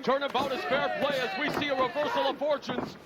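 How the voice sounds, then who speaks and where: A man calls a live fight in a very high, raised voice over a loud arena crowd. His play-by-play is polished and dramatically phrased, in the manner of a practiced sports announcer. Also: little pitch movement, a little fast. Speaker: play-by-play commentator. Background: roaring fight crowd.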